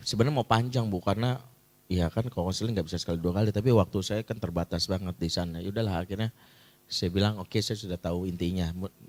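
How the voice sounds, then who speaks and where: Animated preacher telling a story. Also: male voice. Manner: animated storyteller, acts out voices in a much higher pitch. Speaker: Islamic preacher and family counselor. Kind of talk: storytelling talk to an audience.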